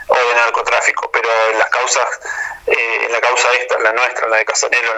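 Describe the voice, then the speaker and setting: A man's voice: medium pitch, bright, forceful tone, poor audio. A man calling in by phone to a radio show, explaining at length with frequent restarts. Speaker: guest on the phone, social movement spokesman. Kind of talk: phone interview. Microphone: telephone.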